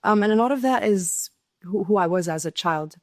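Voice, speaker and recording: A woman's voice: medium pitch, expressive, normal speed, dry recording, clean studio sound. A young woman from Syria, a podcast guest telling her story in an earnest way, often restarting and repeating words. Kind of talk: conversational interview storytelling.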